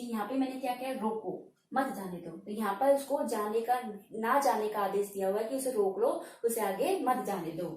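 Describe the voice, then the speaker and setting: A patient woman teacher explains grammar to her students, repeating points and saying example words slowly, one at a time. Her somewhat high voice sounds a little distant in an echoey room with faint ambience behind. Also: a little mellow. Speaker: Hindi teacher. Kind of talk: online grammar lesson.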